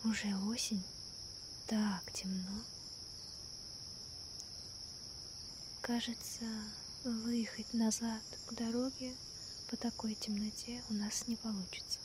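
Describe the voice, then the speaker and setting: A woman in an ASMR role-play as a gentle, wonder-struck girlfriend stargazing at night, soft-spoken softly right into the listener's ear. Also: on the high side, steady tone, a little slow, natural voice. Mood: tender, intimate. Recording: night crickets, insects and clear ambient noise. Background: crickets and night insects.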